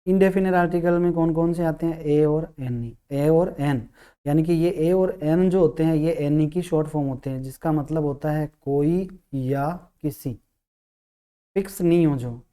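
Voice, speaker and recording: A man teaching an English grammar lesson, explaining step by step, asking himself questions and sounding out syllables slowly. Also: fairly high pitch, dark tone, clear, resonant tone.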